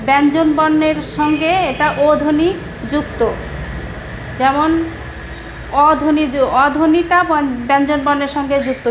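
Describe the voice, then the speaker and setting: A woman teacher giving a recorded class lecture, explaining slowly with pauses and repeating example words. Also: high voice. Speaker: Bangla teacher. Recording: echoey room with background noise.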